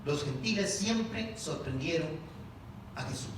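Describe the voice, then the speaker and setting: In a large church hall, a male pastor preaches to his congregation, firing off rhetorical questions and calling listeners "brother," addressing them as "hermano." His fairly high voice has lively intonation and a slightly slow pace. The distant mic picks up hall echo and a noisy background.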